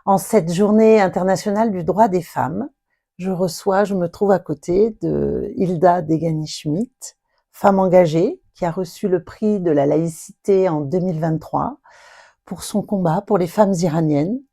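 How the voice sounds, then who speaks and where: A woman's voice: lowish voice, measured pace, gravelly, mellow. A woman hosting an interview, asking long, formal questions. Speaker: host, interviewer.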